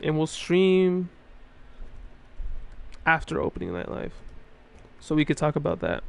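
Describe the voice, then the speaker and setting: A man's voice: fairly high pitch, very animated, unhurried, vocal fry, clean tone. A tired young man chatting casually while he streams a game, rambling with lots of fillers and casual swearing. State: tired, yawning. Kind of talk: casual live-stream chat. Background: loud game music.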